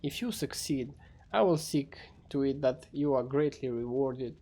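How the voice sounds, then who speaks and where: A man's voice: medium pitch, a little slow, dark tone. A man voicing a menacing, threatening demon master with grand, ominous commands in an amateur fantasy game story. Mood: commanding.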